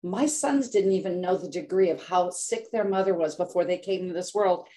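An older American health coach, interviewed as a guest, dramatically relates an emotional personal story, acting out quotes with shifts in her voice. Her voice is on the low side with a dark tone, and she speaks a little fast.

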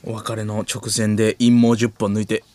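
A man with a Kansai accent and a sore, hoarse throat, co-hosting late-night comedy radio with animated, exclaiming quips. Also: lowish voice, moderate pace, no room sound.

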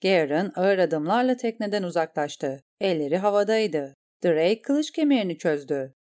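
A woman narrating a fantasy novel in a measured, dramatic reading style. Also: on the low side, animated, a little mellow. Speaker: audiobook narrator. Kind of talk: scripted narration.

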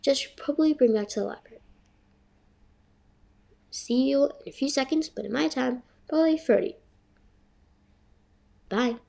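A woman's voice: high voice, normal speed, gravelly, pauses often, a little mellow. A young woman casually reading a children's chapter book aloud, chatty and stumbling over words. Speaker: reader.

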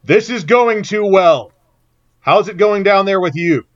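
Guy putting on a loud breezy fighter dude yelling over a battle, kinda muffled lo-fi sound. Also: high-pitched, measured pace, pitched above the performer's own voice. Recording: dull lo-fi sound.

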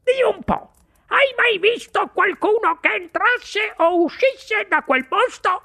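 A reader voicing an excitable old grandfather in a storybook audiobook, exclaiming and stretching words for drama. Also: very high voice, gravelly, voice pushed up, heavily acted. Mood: conspiratorial. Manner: dramatic, exclaiming, drawn-out emphasis. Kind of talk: audiobook character voice.

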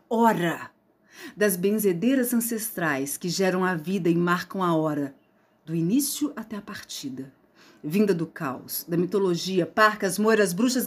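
Slow husky woman reciting spoken word. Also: mid-range voice. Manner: slow, dramatic delivery with sudden loud outbursts. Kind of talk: performed spoken word poem.

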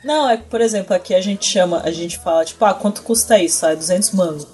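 A woman's voice: fairly low pitch, fast, darkish tone, soft background music. A woman with an accent from Santos in São Paulo state, chatting casually and curiously asking about slang. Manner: curious, asks questions and laughs often. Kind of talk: casual chat.

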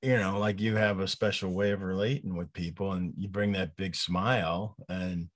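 A man in his sixties talking casually and reminiscing in a halting, folksy way. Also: deep voice, fairly even intonation. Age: 60s.

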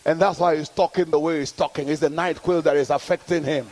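This middle-aged pastor's voice is fairly high and darkish, with fairly even intonation and a slightly quick pace. Delivering a sermon, he calls out for his congregation to respond and rises to emphatic climaxes.

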